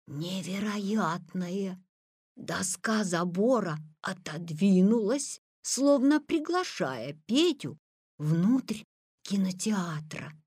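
A woman reading a children's story aloud, expressive and varied. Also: lowish voice, no room sound, studio quality.

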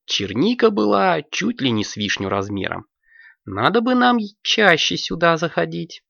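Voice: mid-range voice, huge pitch swings, a little slow, vocal fry, fairly bright tone, no room sound, highs cut off, voice pushed up, heavily acted. A storyteller voicing a sensible young girl wizard who firmly explains the rules. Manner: firm, lecturing.

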